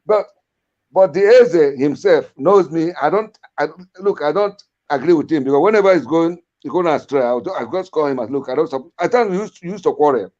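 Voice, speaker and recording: A Nigerian-accented man argues politics as a caller, pitched a little high and muffled by a dull, lo-fi line. He is emphatic and repetitive, talking over interruptions to press his point. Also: lively intonation, a little fast, darkish tone. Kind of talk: heated political debate.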